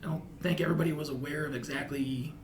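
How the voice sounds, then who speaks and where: A fast-talking American man in his thirties with a slightly high voice and fairly even intonation speaks thoughtfully as a school principal in a podcast interview. He often rephrases himself mid-thought. The room is echoey, with faint background noise.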